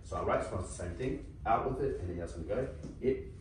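A man's voice: on the low side, animated, fast talker. A man teaching a dance move to his viewers, calling out steps and counts and addressing them as "you guys". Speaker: dance instructor. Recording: distant, echoey, noisy room sound.

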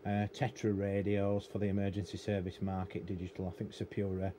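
Speaking a little fast in a low, mellow voice with completely flat delivery, a middle-aged British man explains his hands-on work unscripted and rambling, in a matter-of-fact way. He's a radio technician and hobbyist presenter at a cluttered indoor electronics bench, and room noise is noticeable behind him.

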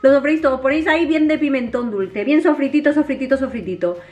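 A chatty woman from with a high voice talks straight to her viewers in a casual home vlog. She stays animated and friendly, speaking from her kitchen. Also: fast talker. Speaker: vlogger.

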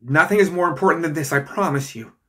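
Male reader doing a stressed, hurried woman scientist, raised voice, audiobook. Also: on the high side, bright, forceful tone, pitched above the performer's own voice. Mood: stressed, brushing off. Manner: strained, rushed, anxious. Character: frazzled driven woman scientist, middle-aged. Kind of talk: audiobook character voice.

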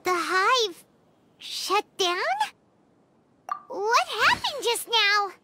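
Game sidekick: tiny bewildered fairy, extremely high, drawn-out, noisy background. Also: female voice, sing-song, full character voice. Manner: squeaky, cute, inquisitive. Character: tiny childlike floating fairy companion, bewildered. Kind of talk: scripted video game voice acting. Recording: noisy game sound behind.

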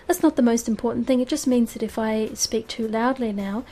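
A woman's voice: fairly high pitch, fairly quick, warm tone. A woman hosting a casual streaming tutorial, chatty and laughing at herself, on a desk microphone. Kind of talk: casual screen-recorded tutorial. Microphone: desk microphone with audio filters. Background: fan hum and birds.

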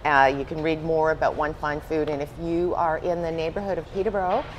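A woman's voice: sits low, flat delivery, brisk, dull audio, slight background noise. Friendly older woman interviewer. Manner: friendly, laughs easily, chatty asides. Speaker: magazine interviewer. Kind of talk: casual interview. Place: restaurant booth indoors.

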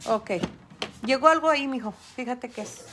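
Middle-aged woman, chatty livestream host, talks straight to viewers, slightly high voice. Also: normal speed, noisy background. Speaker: artist livestreaming her painting. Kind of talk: casual livestream chat.

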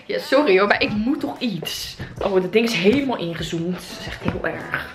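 A woman's voice: medium pitch, animated, normal speed, far from the mic. A teenage Dutch girl vlogging casually, giggly and nervous as she pranks people by text, often swearing. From Netherlands. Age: teens. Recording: roomy, from the mic, music behind.

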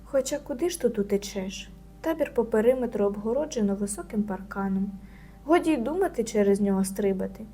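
A woman's voice: mid-range voice, lively intonation, a little fast, dark tone, faint music behind, close to an everyday voice. A woman voicing a proud, stubborn schoolgirl in a storybook reading, musing and indignant. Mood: worried musing.

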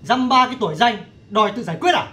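A man's voice: high-pitched, expressive, quick pace, pushed and bright, a little hiss or hum. An actor playing a stern elder son who scolds his younger brother. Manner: stern, lecturing.

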